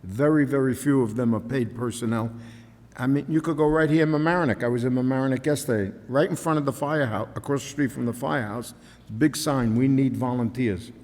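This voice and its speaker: Board member rambling on, medium voice, echo of a big hall. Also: male voice, medium pitch, brisk, darkish tone. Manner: rambling, stacks examples. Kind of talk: public meeting remarks. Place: public meeting room. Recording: long reverb of a meeting hall.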